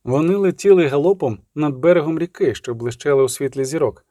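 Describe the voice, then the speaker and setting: A man reading an audiobook in a steady, measured dramatic manner. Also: a little high, dry recording, studio quality. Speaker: audiobook narrator. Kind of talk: scripted audiobook narration.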